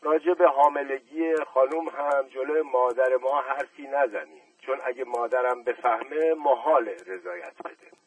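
A man's voice: medium pitch, steady tone, few pauses, slightly rough, dry recording, far from the mic, rough recording. A man voicing a humble male suitor who speaks in a deferential, formal, earnest way, in a storybook reading. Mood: pleading.

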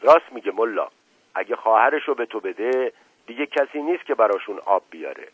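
A man's voice: medium pitch, animated, fairly bright tone, husky, dry recording. A man voicing an older male village headman, a blunt go-between, speaking in a raised, emphatic voice, heard on a lo-fi radio recording.

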